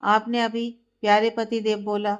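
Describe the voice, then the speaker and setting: A woman's voice: on the high side, monotone, normal speed, smooth, close to an everyday voice. A woman voicing an earnest, affectionate young man who questions his fiancée on a phone call in a read-aloud story. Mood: questioning.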